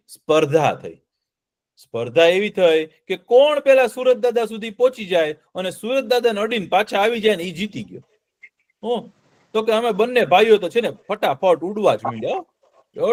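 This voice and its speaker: A man tells a children's story. He is animated and keeps checking in with his young listeners through questions. His voice is high for a man.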